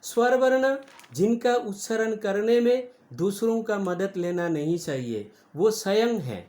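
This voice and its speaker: In an unhurried grammar lesson for kids, this teacher spells each letter separately and holds sounds longer to demonstrate their length. The mid-range voice is expressive with a somewhat dark tone.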